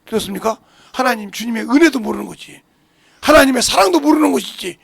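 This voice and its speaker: A pastor preaching a sermon with passion, swinging between shouts and low mutters and firing rhetorical questions at the congregation. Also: male voice, expressive, quick pace, vocal fry, breathy edge, no room sound, clean studio sound.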